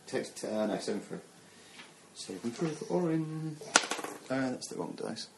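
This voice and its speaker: Brisk man running a tabletop game. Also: mid-range voice, very animated, vocal fry. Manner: brisk, directing turns with frequent "right" and "okay". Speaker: game master. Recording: echoey room with background noise.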